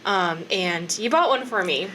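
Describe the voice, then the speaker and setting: A woman's voice: mid-range voice, lively intonation, a little slow, a bit bright, slight background noise. A woman in her thirties co-hosting a podcast in casual chat, chatty with frequent laughs and fillers. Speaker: podcast co-host.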